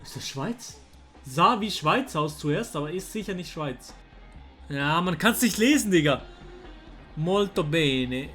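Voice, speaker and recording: A young man, talking casually to his chat while playing a guessing game, excitable and slangy. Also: on the high side, unhurried. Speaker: streamer. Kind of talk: casual gameplay commentary. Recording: faint music underneath.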